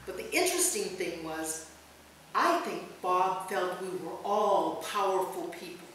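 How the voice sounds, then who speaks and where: A woman pastor gives a written memorial tribute at a church service, reading it in a fairly low, animated, fairly bright voice without hurrying. The distant mic picks up heavy church echo and faint noise.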